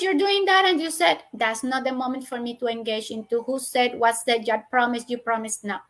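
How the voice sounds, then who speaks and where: A woman's voice: high voice, a bit bright. A middle-aged woman answering parents' questions in a live webinar, earnest, often repeating herself, with many fillers and restarts.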